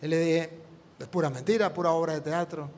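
A priest preaches with a fairly high, animated voice, acting out the dialogue of his story as he goes. His words ring out with a long reverb, as in a big church hall. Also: brisk. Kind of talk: sermon with storytelling.

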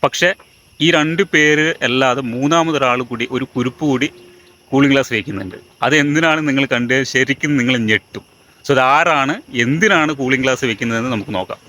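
A man's voice: medium pitch, normal speed, sharp tone. Teasing man in a roomy home. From Kerala. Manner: teasing, playfully quizzing a small child. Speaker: father and village vlogger. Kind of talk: casual family vlog. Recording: roomy, dull, noisy home recording.

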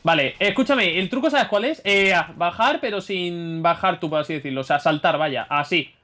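A man's voice: high voice, moderate pace. A young man, guiding his friend through a game in casual chat. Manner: coaching, relaxed, laughs, yelps when hit. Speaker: co-op gaming partner.

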